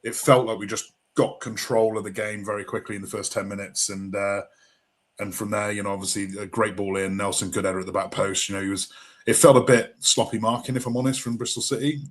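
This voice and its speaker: Lower-voiced man musing on a match. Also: steady tone, fairly quick. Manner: thoughtful, lots of fillers and tag questions. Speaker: co-host, referee. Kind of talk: casual football chat.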